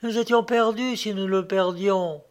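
A man voicing a cold, ruthless young noblewoman who speaks in hushed, icy, measured tones in an audiobook reading. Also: high voice, fairly even intonation, smooth, pitched above the performer's own voice. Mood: fierce.

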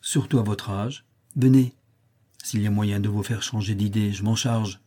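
A man voicing a calm, self-assured young gentleman who talks in a brisk, mocking way, in a storybook reading. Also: fairly low pitch, husky. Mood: calm, ironic. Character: cool, ironic young male gentleman rescuer.

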